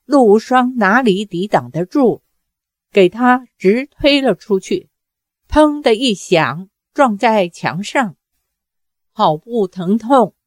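A woman narrating a martial arts novel as an audiobook in a steady, measured storytelling manner. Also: a little high, no echo, clean studio sound.

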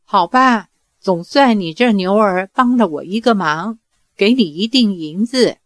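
A woman reading aloud voices a hot-tempered young swordswoman who scolds and barks sharp commands. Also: mid-range voice, animated, a little slow, dry recording, lightly acted. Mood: impatient.

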